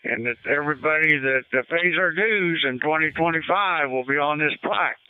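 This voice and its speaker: An American man giving a casual club announcement in a halting, folksy way over a two-way radio. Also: fairly high pitch, clean tone, no room sound, phone-quality sound. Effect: two-way radio transmission. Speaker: amateur radio club member checking in. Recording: band-limited, dry amateur radio audio.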